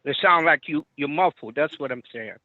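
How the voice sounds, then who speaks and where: A man's voice: on the high side, no echo. Muffled phone voice of a man. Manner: halting, repeats his words. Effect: muffled, tinny phone line. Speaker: party in a court hearing. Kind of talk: testifying to a judge. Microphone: telephone. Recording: dry narrow phone-line sound.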